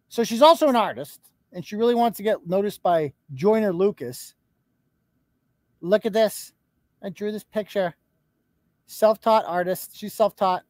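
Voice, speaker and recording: A man's voice: sits high, a little mellow, no echo. A man hosting a live show, ranting sarcastically and profanely and mocking people in put-on voices. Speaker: podcast host.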